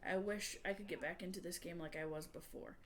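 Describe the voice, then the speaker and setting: A woman's voice: lowish voice, fairly even intonation, fairly quick, a little hiss or hum. A woman game streamer chatting casually with viewers and explaining things in a conversational way. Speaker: variety gamer and streamer.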